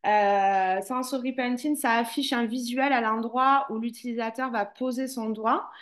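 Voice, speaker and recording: A woman's voice: a little high, fairly even intonation, a little slow. A woman trainer presenting a webinar, talking through it with many fillers and restarts. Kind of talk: online presentation.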